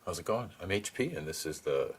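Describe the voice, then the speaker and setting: A man with a very low voice hosts a one-man political commentary podcast. He is sarcastic and profane, piling up mocking rhetorical questions. He drops to mutters, then springs up in sudden high-pitched outbursts of disbelief, with a faint hum of room noise behind him. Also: expressive, fairly quick. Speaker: podcast host.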